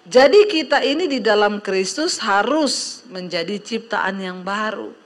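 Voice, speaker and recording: A woman's voice: mid-range voice, expressive, measured pace. A middle-aged woman pastor preaching a sermon, telling a story and acting out the quotes, often calling her listeners "saudara".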